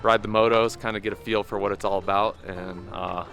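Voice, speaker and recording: A man with a fairly low voice recaps his race outdoors in an easygoing, self-mocking way, padding his sentences with fillers. He is still a little out of breath. Faint music sits quietly underneath. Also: steady tone, a little fast. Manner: laid-back, self-deprecating, many fillers. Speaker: pro mountain bike racer, vlog host. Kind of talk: casual post-race recap.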